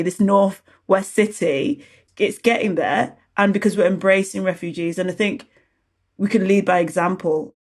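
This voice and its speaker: A woman born in South Sudan, a teacher and activist, answering an interview earnestly in halting phrases. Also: medium pitch. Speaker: guest, teacher and community activist.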